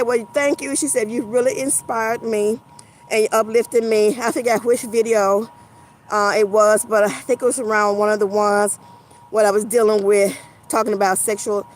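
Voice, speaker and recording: A woman's voice: mid-range voice, rough recording. A woman vlogging casually while walking outdoors in winter, out of breath and rambling with many fillers. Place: outdoors on a snowy winter path.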